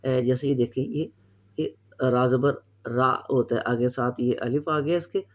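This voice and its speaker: A man's voice: mid-range voice, steady tone. Patient male teacher drilling sounds. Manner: patient, explanatory, slow drawn-out sound drills. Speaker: Quran reading teacher. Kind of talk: spoken lesson with drills.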